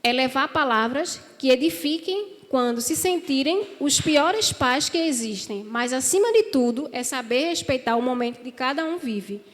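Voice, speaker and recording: A woman speaking to a church audience in a warm, conversational way, often checking in with "né?". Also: high voice, animated, moderate pace, hardly any pauses, a little hiss or hum. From Brazil. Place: church hall. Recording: reverberant hall.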